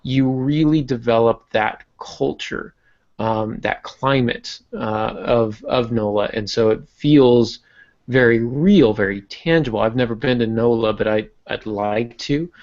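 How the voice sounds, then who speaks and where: A man who hosts a podcast and teaches writing explains things informally, stressing key words and throwing out rhetorical questions as he teaches conversationally about writing. His medium-pitched voice is measured in pace and darkish in tone, and the audio sounds dull.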